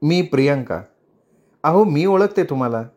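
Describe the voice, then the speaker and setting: A man voicing a young woman, grieving but composed, speaking softly with affectionate teasing in a Marathi audiobook reading. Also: low voice, lively intonation, moderate pace, dull audio, pitched above the performer's own voice. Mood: warm teasing.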